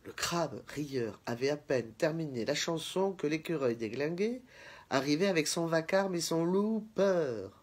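Man, storyteller, husky, slightly high voice, gentle expressive storybook reading. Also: measured pace. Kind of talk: storybook narration.

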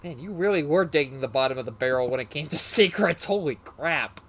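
A man's voice: a little high, animated, brisk, a bit bright. A man casually narrating his moves in a card game match, rambling and self-mocking, often losing his train of thought. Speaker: card game player and commentator.

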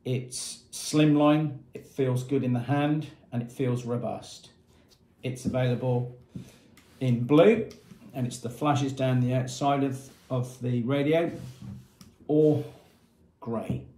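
A man in his fifties, presenting informally for a marine equipment retailer, takes his time in a steady, mellow, medium-pitched voice. In short phrases he walks through a product in a plain, methodical manner. He's seated at a table inside a small painted block-walled room, and the audio has an echo.

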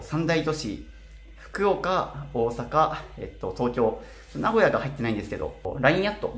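A man in his twenties from Japan chatting casually to camera, his articulation slightly slurred as if wearing a mouthguard. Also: mid-range voice. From Kitakyushu, Japan. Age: 20s. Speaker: vlogger. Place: small bare apartment room, indoors. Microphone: camera a short distance away. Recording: roomy echo with faint noise.

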